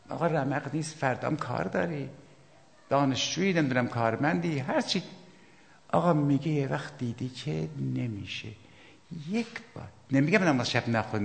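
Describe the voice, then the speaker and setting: A man preaching a sermon, emphatic, swinging between loud outbursts and hushed asides. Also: mid-range voice, creaky. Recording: long hall reverb.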